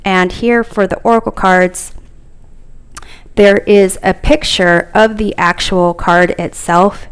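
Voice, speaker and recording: Unhurried woman with a smooth voice. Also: medium pitch, steady tone. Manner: hesitant, frequent fillers, thinking aloud. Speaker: tarot deck reviewer. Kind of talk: casual unboxing chat.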